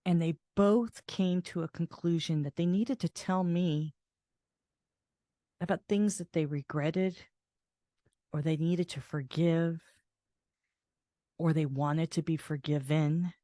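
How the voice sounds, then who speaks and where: An older woman host telling a personal caregiving story in a soft, reflective way, restarting her sentences as she goes. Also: sits low, steady tone, slow pace, long pauses, dry recording, clean studio sound. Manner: reflective, soft-spoken with frequent laughs and restarts.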